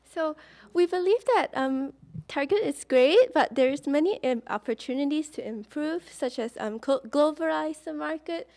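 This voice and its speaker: A woman's voice: high voice, moderate pace, darkish tone. A young woman from Malaysia, a student giving a case competition presentation, upbeat and hesitant with fillers. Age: young adult.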